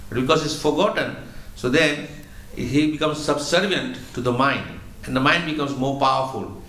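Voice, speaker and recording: A man delivers a spiritual lecture with a medium pitch and a measured, explanatory manner, circling back on his own words. The sound is roomy, with noticeable echo around the voice. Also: bright, forceful tone. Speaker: spiritual teacher. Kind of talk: religious lecture.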